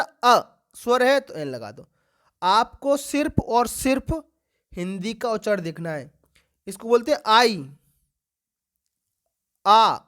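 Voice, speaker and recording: A woman teaching an exam-prep grammar lesson to students, asking questions and answering them herself and repeating key words for emphasis. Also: fairly high pitch.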